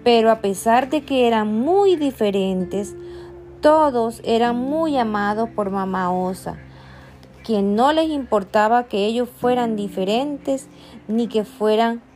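Slow, gentle woman reading a children's story. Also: a little high, soft background music. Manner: slow, expressive, with slips and self-corrections. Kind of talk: children's story read aloud.

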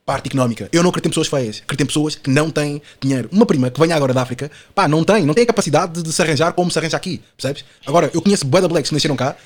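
A podcast guest in his twenties talks casually in European Portuguese full of Lisbon slang, rambling with lots of fillers and tag questions. His voice is a little high and rapid-fire, with hardly any pauses.

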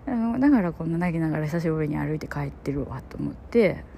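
Kansai-accented woman for a chatty storytelling monologue; low, gravelly voice. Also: fast talker, slight background noise. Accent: Kansai Japanese. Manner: animated, chatty, laughs often, drops to soft murmurs. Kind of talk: casual personal storytelling monologue.

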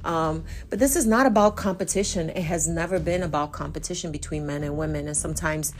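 A Brazilian woman in her forties, a native Portuguese speaker, hosting a casual solo podcast in a chatty, animated way that often corrects itself. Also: sits low, brisk, a little hiss or hum. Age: 40s. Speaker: podcast host.

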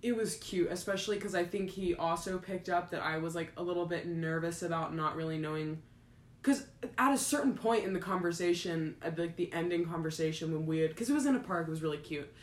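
A woman's voice: lowish voice, brisk. Chatty young woman in an echoey room. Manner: rambling storytelling, many fillers. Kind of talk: casual chat.

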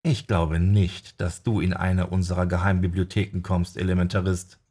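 A man voicing a sharp-tongued young woman necromancer, raised in pitch, in an audiobook. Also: little pitch movement, normal speed, slightly rough. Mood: brisk.

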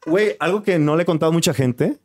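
A man from Costa Rica with a Costa Rican accent mixed with picked-up Mexican Spanish, chatting as a podcast guest and acting out quotes in slangy, animated talk. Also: on the high side, quick pace. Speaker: guest YouTuber. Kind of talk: casual podcast chat.

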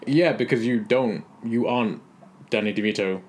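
A man's voice: mid-range voice, normal speed, darkish tone, slight background noise. A young man, co-hosting a podcast in casual, joking chat and laughing often. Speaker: podcast co-host.

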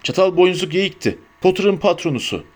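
Menacing dark-wizard enforcers , voiced by a man, issuing curt threats in a slightly raised voice. They sound cold and clipped, characters in an audiobook. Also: high-pitched, animated, a little fast, pitched above the performer's own voice. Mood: threatening.

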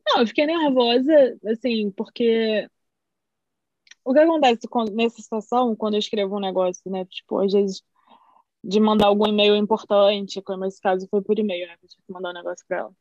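A woman, co-hosting a podcast and telling stories in an animated, rambling way. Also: medium pitch, fairly quick, no echo, dull audio. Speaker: podcast co-host. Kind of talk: casual chat.

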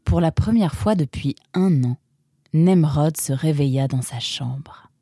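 A man narrating a children's storybook episode in a lively, expressive reading voice. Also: a little high, a little slow, dry recording, clean studio sound.

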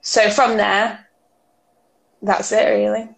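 A young woman speaks with a Stoke-on-Trent accent. She is an interview guest giving a personal account in informal, everyday phrasing. Her pitch sits in the middle of the usual female range. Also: little pitch movement, slow, vocal fry. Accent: Stoke-on-Trent English. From Stoke-on-Trent, England. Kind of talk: personal conversation, recounting experiences.

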